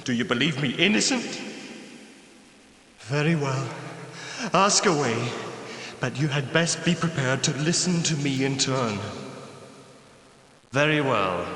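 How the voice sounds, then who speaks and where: Vincent, high-voiced anguished ghost knight. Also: male voice, bright, forceful tone, full character voice. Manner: pleading, tormented, melodramatic. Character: anguished ghost of a young murdered knight, pleading innocence. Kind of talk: theatrical video game character acting. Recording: echoey hall with long reverb.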